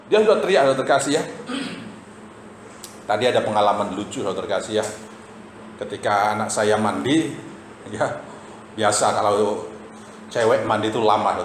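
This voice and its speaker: A man preaching a sermon to his congregation, telling lively stories and often repeating a tag phrase to the listeners. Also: lowish voice, a little hiss or hum. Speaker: pastor. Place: church sanctuary. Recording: echoey church hall, faint ambience.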